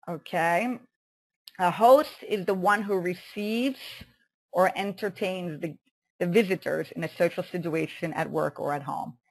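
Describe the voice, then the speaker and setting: A woman teaching an online English lesson, saying vocabulary slowly and carefully and saying "okay" often. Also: on the low side. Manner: slow, careful pronunciation drills with many "okay"s.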